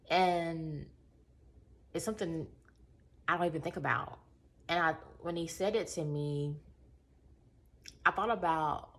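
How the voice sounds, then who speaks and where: Woman, 30s, low voice with a gravelly edge, casual book-review chat. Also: a bit bright. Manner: storytelling, conversational with emphatic asides.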